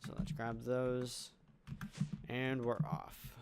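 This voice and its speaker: A man's voice: mid-range voice, monotone, extremely slow, noisy background. A man hosting a game channel, thinking aloud in casual let's play commentary as he builds. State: hiccuping. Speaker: gaming channel host.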